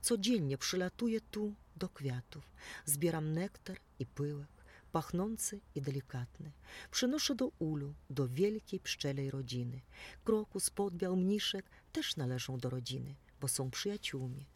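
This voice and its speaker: A storyteller voicing a little striped female bee in a children's story, soft and tender. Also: mid-range voice, animated, unhurried, slightly rough. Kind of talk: storybook reading.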